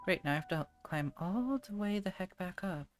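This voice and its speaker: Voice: medium pitch, animated, normal speed, soft background music. A streamer casually commenting on a game, chatty and greeting viewers.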